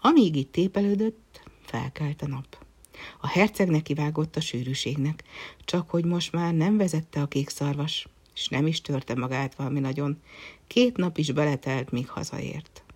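A storyteller reading a fairy tale aloud, letting the ends of phrases sink to a hushed near-whisper. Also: medium pitch, husky.

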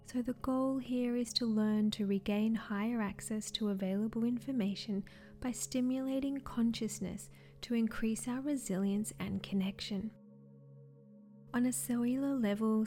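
A woman wellness coach reading scripted guidance in a soft, soothing, measured way. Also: fairly high pitch. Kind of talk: scripted wellness narration, guided relaxation. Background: music.

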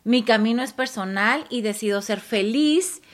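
A woman, co-hosting a casual live stream and reading viewer comments aloud in a chatty way. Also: a little high. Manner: reads comments aloud warmly, quick and chatty.

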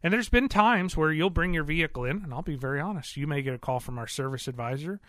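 Guy who runs a car repair shop, bright clear voice, kinda high, rambles earnestly, dry room. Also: expressive, fast, dry recording. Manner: earnest, plain-spoken, rambling with fillers. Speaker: auto repair shop owner. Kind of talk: casual interview talk.

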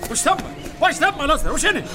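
A man's voice: very high-pitched, big pitch swings, racing, loud music behind the voice, a loud crowd. An actor playing a young male rebel fighter in a period TV drama, speaking with a Tunisian accent and pressing with urgent questions. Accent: Tunisian Arabic.

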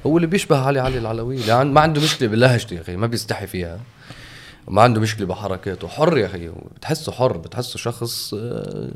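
A man with a Lebanese Arabic accent talks casually and very quickly. His voice sits fairly low, and he uses loose, colloquial street phrasing like a guest in a relaxed chat. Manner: informal, colloquial street speech. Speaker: comedian guest. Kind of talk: casual conversation.

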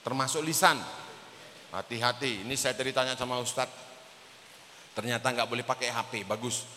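A man preaching an Islamic sermon, telling a story with acted-out dialogue, his voice swinging between loud and soft, sometimes chanting Arabic phrases. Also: mid-range voice, steady tone, moderate pace, slight background noise. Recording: reverberant hall, faint ambience.

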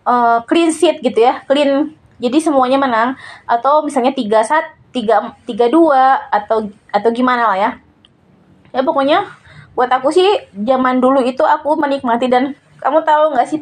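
Chatty high-voiced woman podcaster. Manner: chatty, rambling, many fillers and self-corrections. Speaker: podcast host. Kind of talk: casual solo podcast chat.

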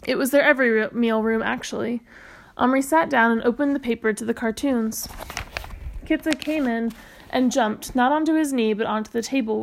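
Woman, reading a children's novel aloud, fairly high voice, steady storytelling. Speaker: reader.

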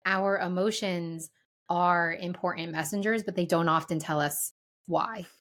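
Woman, energy-healer co-host, lowish voice, giggly, spiritual, conversational. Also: steady tone, a little slow, a bit bright. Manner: laughs often, spiritual wording. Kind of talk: casual podcast chat.

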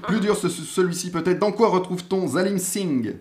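A man's voice: high voice, brisk, a little mellow. A man hosting a game show in a jokey, easygoing way, reading out questions and laughing often.

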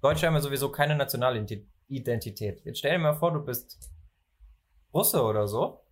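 Opinionated young German man, husky. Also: medium pitch, normal speed. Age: young adult. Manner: opinionated, lively, animated when making a point. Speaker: podcast host. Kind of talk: casual football chat.

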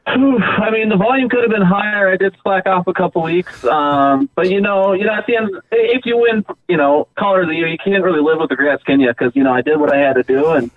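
Man, caller, boastful, playful, phone-line sound, slightly high. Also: a little fast, few pauses. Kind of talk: casual chat.

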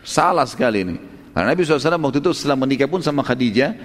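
A male preacher telling a story in a sermon, lively, with frequent tag questions. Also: medium pitch, rapid-fire, big-room sound.

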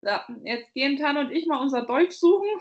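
Casual, rambling and quick to laugh, a Bavarian woman co-hosts a chatty podcast. Her voice is high-pitched and brisk, though the recording sounds muffled.

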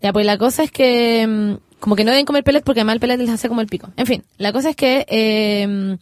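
A young woman with a Chilean accent tells stories in a relaxed chat, piling on slang and fillers. Her voice sits high and she speeds along. The sound is close and dry. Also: fast, no echo. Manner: animated storyteller, heavy slang and filler "como". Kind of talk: casual chat among friends.

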